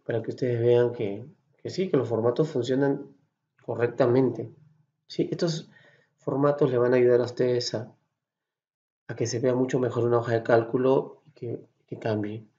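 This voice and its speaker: A man from Peru with a Peruvian accent, patiently explaining a software tutorial step by step and checking in with his students. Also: mid-range voice, dull audio. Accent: Peruvian Spanish. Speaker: Excel course instructor. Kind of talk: screen-recorded software tutorial.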